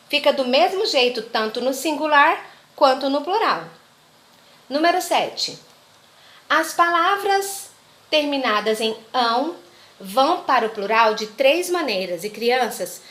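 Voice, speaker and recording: Slow, high-voiced woman teacher. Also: fairly bright tone. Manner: patient, repeats examples slowly, asks "ok?" often. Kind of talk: children's grammar lesson.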